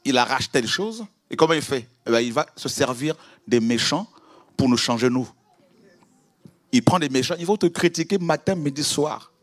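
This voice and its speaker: A man preaching a sermon, acting out prayers and exchanges with God, swinging from loud outbursts to hushed asides. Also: mid-range voice, moderate pace, no echo. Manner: animated, acts out prayers and dialogues with God.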